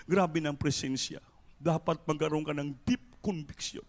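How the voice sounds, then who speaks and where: A man preaching an impassioned sermon with a Filipino accent, mixing in English phrases and moving from quiet explanation to shouted exhortation. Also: on the high side, steady tone, moderate pace. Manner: mixes Tagalog and English.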